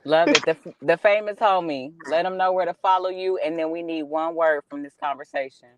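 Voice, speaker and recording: A high-pitched man hosts a podcast with lively, emphatic energy. He laughs often and leans hard on his points. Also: brisk, clear, resonant tone, no room sound. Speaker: podcast host. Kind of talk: casual conversation.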